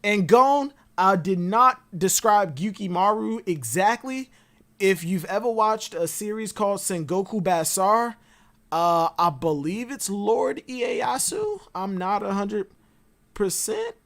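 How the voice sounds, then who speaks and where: Guest on a casual fan stream, excitable and digressive, middle-pitched voice, talks in bursts. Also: takes it slowly. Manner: rambling and animated, full of digressions. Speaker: podcast guest. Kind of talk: casual anime theory chat.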